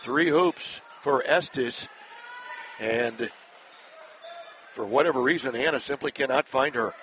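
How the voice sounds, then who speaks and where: A man announcing a live high school basketball game play-by-play, brisk and climbing higher and louder when a play breaks open. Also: poor audio. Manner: brisk, rising sharply in pitch and volume on big plays. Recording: broadcast with loud crowd noise.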